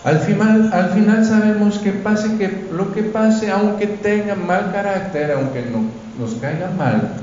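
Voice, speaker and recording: Male preacher, slow and dark-toned, keeps asking the room to follow; long church reverb, dull sound. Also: high-pitched. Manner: unhurried, searching for words, constant "¿sí?" and "¿ven?" checks. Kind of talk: Sunday homily. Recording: echoey church hall, dull sound, faint noise.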